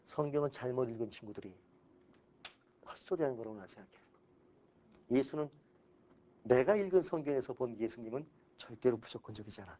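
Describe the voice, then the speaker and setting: A male lecturer talking to his students in an easy, casual way, with a voice at an ordinary middle pitch. He is animated and blunt, and he swings between sharp outbursts and dry asides. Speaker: exam-prep ethics lecturer.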